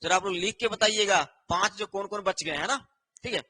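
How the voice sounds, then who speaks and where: Male exam-prep tutor with a high, bright voice who repeats himself a lot and works through points on a board. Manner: repetitive, with a constant rhetorical "है ना" and "ठीक है"; explains slowly while writing on a board. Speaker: teacher. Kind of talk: online exam-prep lesson.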